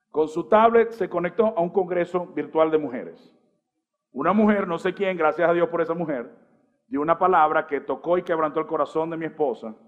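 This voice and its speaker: A pastor in his forties preaches with lively energy and keeps asking his listeners rhetorical questions. His voice sits high for a man. The recording sounds dull and muffled. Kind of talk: sermon.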